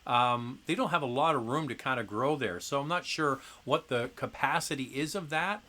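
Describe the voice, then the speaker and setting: A middle-aged man talks casually on a live car Q&A stream. His voice is bright and forceful. He rambles with plenty of fillers and restarts. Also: medium pitch, moderate pace. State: occasional coughing from acid reflux.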